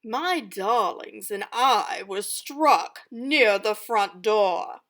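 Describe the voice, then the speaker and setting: A woman reading aloud as a haughty, exasperated wicked stepmother, narrating in a loud, theatrical storybook voice. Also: mid-range voice, expressive, drawn-out words, exaggerated voice.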